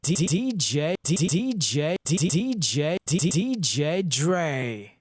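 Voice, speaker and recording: A man's voice: on the high side, very animated, takes it slowly, no echo, studio quality, full character voice. A man's DJ drop with a chopped stutter edit. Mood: hyped. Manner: repeated clipped syllables. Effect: chopped stutter edit on a recorded DJ drop. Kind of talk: DJ drop announcement. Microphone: home studio mic, played back from editing software.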